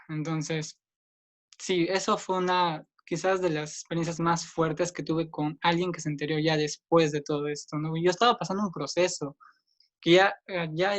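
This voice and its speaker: A young man with a Peruvian accent telling his own story in an interview, earnest, raising his voice when he acts out what others said. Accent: Peruvian Spanish. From Peru. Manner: earnest, acts out others' lines with raised pitch.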